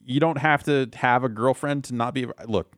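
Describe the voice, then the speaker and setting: A man's voice: mid-range voice, normal speed, a bit bright, dry recording, studio quality. A man co-hosting a podcast, recapping a cartoon in a casual chat, rambling and swearing with lots of restarts. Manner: rambling, profane, many restarts. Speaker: podcast co-host.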